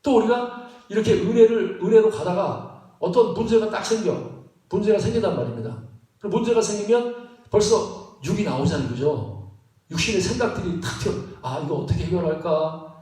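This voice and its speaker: High-voiced Korean pastor preaching in echoey hall. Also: male voice, a little fast. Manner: animated preaching, asks the congregation questions. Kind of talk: sermon. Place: church sanctuary. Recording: echoey church hall, mic at a distance.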